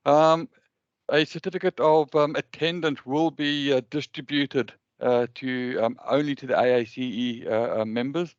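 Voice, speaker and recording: A man's voice: mid-range voice, steady tone, moderate pace, clean tone, dry recording, highs cut off. Hesitant South African man hosting a webinar. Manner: hesitant, many ums and uhs. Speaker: webinar host. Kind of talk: online webinar introduction.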